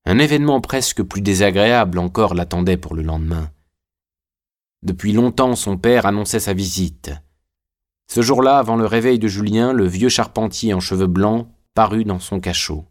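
Low-voiced man reading a novel. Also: moderate pace. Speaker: audiobook narrator. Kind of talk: scripted narration of a classic novel.

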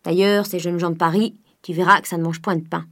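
A woman's voice: fairly low pitch, steady tone, quick pace, a bit bright. A woman voicing a stingy old male miser in an audiobook, speaking in a terse, grudging way.

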